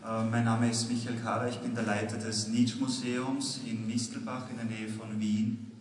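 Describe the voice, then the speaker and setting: A polite middle-aged man moderates an on-stage talk, pausing on fillers as he goes. His voice is even and mid-pitched. It echoes through a large hall over a faint murmur of ambient noise. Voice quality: polite, formal, with frequent filler pauses. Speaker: museum director and curator, moderator. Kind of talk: formal welcome and interview moderation. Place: large exhibition hall, indoors. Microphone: handheld mic.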